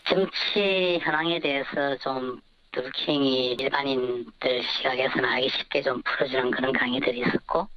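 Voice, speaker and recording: An anonymous interviewee answering questions in hesitant, measured sentences, the voice disguised with a deep pitch shift to hide who is speaking. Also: creaky, muffled recording.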